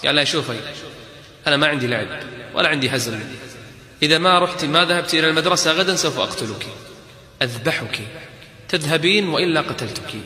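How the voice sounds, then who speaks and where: A man's voice: fairly high pitch, animated, quick pace, pauses often, pushed and bright. A man voicing a harsh, hot-tempered father who threatens his daughter, inside a sermon story. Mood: threatening. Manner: threatening, angry. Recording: echoey hall with long reverb.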